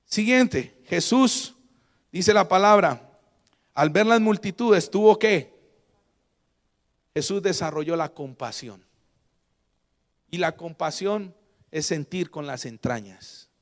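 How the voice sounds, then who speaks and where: A Colombian man preaching a sermon as a guest pastor, emphatic and swinging between loud and quiet, throwing call-and-response questions to the congregation. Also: sits high, lively intonation, takes it slowly, pauses often, in a large hall.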